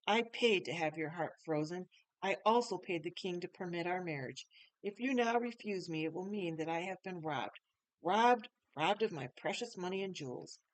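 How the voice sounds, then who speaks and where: Brief: woman reading as a greedy old man of the court, pompous and demanding, lower-pitched, dry sound. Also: brisk, dry recording, natural voice, low-quality recording. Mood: angry. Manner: demanding, indignant.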